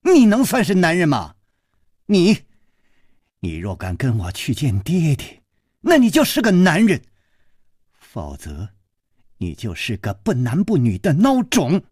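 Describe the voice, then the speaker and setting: A man's voice: sits high, big pitch swings, a little fast, pauses often, mellow, slightly rough, no room sound, studio quality, pitched above the performer's own voice, heavily acted. A man voicing a quarrelsome young married woman who shrieks and scolds in a wailing voice. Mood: furious.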